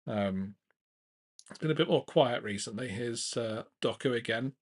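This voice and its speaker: A man's voice: mid-range voice, a little slow. Casual man calling a football match. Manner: casual play-by-play with frequent restarts, excitable at chances. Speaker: watchalong host. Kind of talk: live football watchalong commentary.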